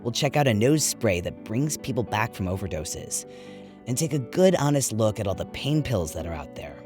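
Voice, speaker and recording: A man co-hosting a podcast, reading a scripted introduction in an earnest, measured way. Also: lowish voice. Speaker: podcast co-host.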